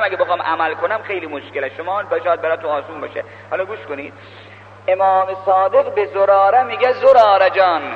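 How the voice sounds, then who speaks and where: A man's voice: high voice, a bit bright. A man preaching a sermon, telling a story as a string of quoted exchanges and speaking straight to his listeners. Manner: retells dialogue with many "he said" turns; exhorting the listeners directly. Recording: echoey hall, dull lo-fi with faint hum.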